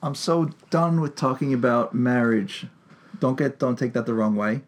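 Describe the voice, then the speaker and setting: A man banters as a podcast co-host. His voice sits at a middle pitch, and his delivery is casual, wry and teasing. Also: steady tone, normal speed.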